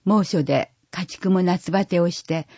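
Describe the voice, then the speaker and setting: A reader calmly working through an audio newsletter at a measured, even pace. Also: medium pitch, husky, dry recording. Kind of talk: read-aloud audio newsletter. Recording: dull lo-fi recording, dry.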